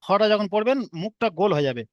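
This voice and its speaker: A man's voice: high voice, sing-song, quick pace, no room sound, muffled recording. A man teaching an online class, patiently repeating and drilling each letter sound for his students.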